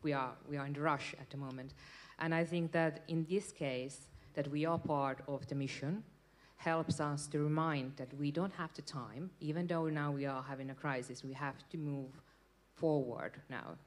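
Low-voiced woman panelist from Finland. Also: steady tone, normal speed. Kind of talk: panel discussion answer. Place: stage in a large hall. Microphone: handheld mic.

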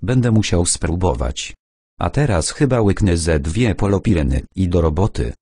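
A man voicing an older male museum official with a stuffy cold, calm and dryly humorous in an audiobook. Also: low voice, moderate pace, slightly rough, full character voice. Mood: wry.

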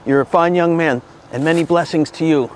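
A man's voice: on the high side, a little fast, background noise. A middle-aged man pulling a street prank, pleading and overly grateful as he begs strangers for help outdoors.

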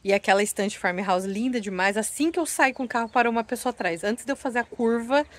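A woman's voice: fairly high pitch, fast, poor audio. A woman, chatting eagerly to her viewers while she shows things outdoors on a street. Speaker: vlogger. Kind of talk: casual vlog walkthrough.

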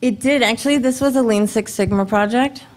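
A woman in her thirties giving a conference talk at a podium microphone in a dim hall, brisk and conversational, throwing rhetorical questions to the audience. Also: on the high side. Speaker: government contracting presenter. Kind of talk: conference presentation.

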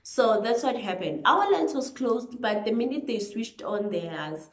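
A young South African woman telling a story casually to camera in an animated, emphatic, chatty way, switching between languages. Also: a little high, unhurried. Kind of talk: casual storytelling to camera, mixing English and Zulu. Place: small living room, indoors. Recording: echoey untreated room.

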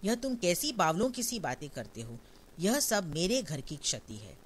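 A woman's voice: lowish voice, big pitch swings, moderate pace, slight background noise. A reader voicing a fearful woman in a stage play, asking shaken questions. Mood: weeping.

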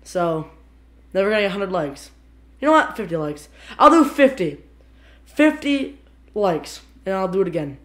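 A woman hosting a casual home vlog, excitable and rambling, dropping 'frick' and 'bro' constantly as she moves around her kitchen. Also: medium pitch, brisk. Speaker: channel host. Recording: echoey room.

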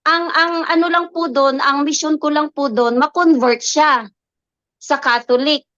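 Earnest high-voiced woman sharing testimony. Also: steady tone, unhurried, a bit bright, no room sound. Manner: earnest, mixes Tagalog and English, acts out quoted dialogue. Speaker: guest giving a testimony. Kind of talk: personal faith testimony, casual storytelling. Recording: slightly dull lo-fi, dry sound.

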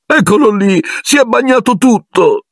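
A man doing a shrill, wailing ghost girl. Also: lively intonation, moderate pace, vocal fry, no echo, studio quality, exaggerated voice. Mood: sulky. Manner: shrill falsetto, sobbing and shrieking. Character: wailing teenage girl ghost, touchy and self-pitying.

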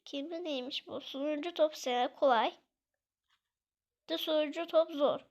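Woman gamer, very high voice, chatty and excitable let's-play commentary. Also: a little slow. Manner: excitable, chatty, exclaiming, scolding the game aloud. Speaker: gaming video creator.

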